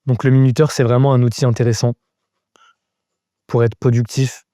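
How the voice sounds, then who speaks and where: Mellow-voiced man teaching drawing live. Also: mid-range voice, flat delivery, normal speed, no room sound, studio quality. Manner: thinks aloud while drawing, explaining step by step; answers chat viewers casually. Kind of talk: live-stream drawing lesson.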